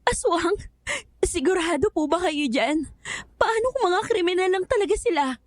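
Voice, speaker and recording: A woman's voice: extremely high pitch, animated, moderate pace, no echo, clean studio sound. A woman voicing an anxious, doubting young granddaughter in an audio horror drama, speaking fearfully. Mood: worried. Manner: fearful, tearful outcries.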